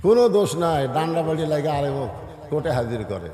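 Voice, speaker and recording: A high-pitched preacher, fiery and joking as he rouses a big outdoor gathering. His voice booms through a PA with a long, echoing reverb. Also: lively intonation, brisk. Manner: fiery, joking, calls the crowd to shout. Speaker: Islamic preacher. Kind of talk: rousing open-air sermon. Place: large open-air gathering.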